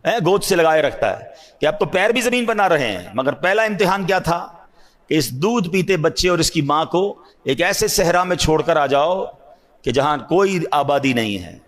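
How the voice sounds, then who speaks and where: A man preaching a religious sermon, asking his listeners rhetorical questions and swinging between hushed low asides and high, emphatic cries. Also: animated. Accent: Urdu speaker from South Asia.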